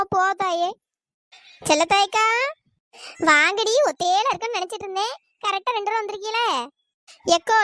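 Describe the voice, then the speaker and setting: A woman voicing bossy, bickering village women in a cartoon, with a pitch-raised voice. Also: bright, forceful tone, dry recording, clean studio sound. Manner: scolding, bickering, teasing. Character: bossy gossiping village women, scolding and sharp-tongued. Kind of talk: cartoon voice acting.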